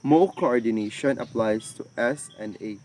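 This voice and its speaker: A man giving a language lesson, drilling syllables slowly and carefully with halting phrasing. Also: medium pitch, a little mellow, slight background noise. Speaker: language student presenter.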